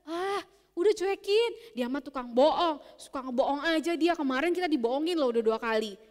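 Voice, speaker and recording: A woman's voice: high-pitched, expressive, fairly quick, darkish tone. A woman voicing annoyed adult villagers who grumble and scold, in a storybook telling with long reverb. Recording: long reverb in a big room.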